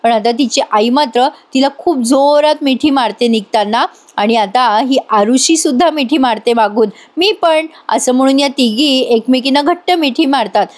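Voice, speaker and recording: High-voiced woman chatting through a story recap. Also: normal speed, few pauses. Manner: chatty, addresses viewers directly. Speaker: serial review narrator.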